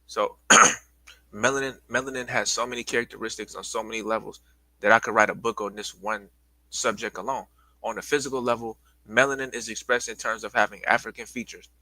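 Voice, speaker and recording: A man leads a casual livestream talk, stumbling over restarts and stopping to catch his breath. His voice is a touch low yet bright and pushing. The sound is dry and close, with no room around it. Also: fairly even intonation, a little fast, dry recording, poor audio. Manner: loose, repetitive, addresses viewers as y'all. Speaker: livestream host giving a presentation.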